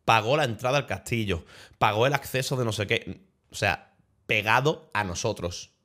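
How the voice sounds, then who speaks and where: A fairly low-pitched young man from Spain, speaking at a moderate pace, shares a travel story on stream. Casual and animated, he laughs and swears throughout in his Spanish accent.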